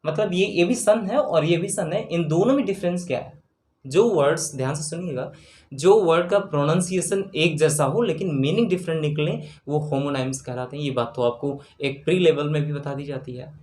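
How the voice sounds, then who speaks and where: A grammar teacher gives an exam-prep lecture, spelling words out letter by letter and frequently checking in with the class. The voice is medium-pitched and darkish at a normal speed, recorded in a roomy space with faint background noise.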